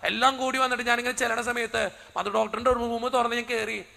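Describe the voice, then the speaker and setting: A priest preaching a sermon as a personal story, acting out the dialogue with drama. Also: male voice, very high-pitched, little pitch movement, fast, vocal fry, pushed and bright, long reverb tail.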